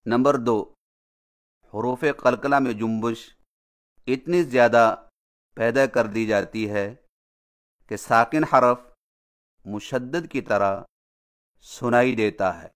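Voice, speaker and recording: A man gives a recitation lesson in a smooth, resonant voice of ordinary pitch. He explains each rule calmly and steadily. Then he chants the example words slowly, stretching each one out. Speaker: Quran recitation teacher.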